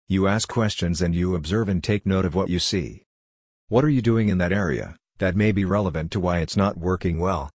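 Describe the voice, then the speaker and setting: A man's voice: deep voice, fairly quick, a little mellow, dry recording, studio quality. A man speaking as a life coach in a reflective self-help monologue, earnest and talking straight to the listener. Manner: earnest, direct, addresses the listener.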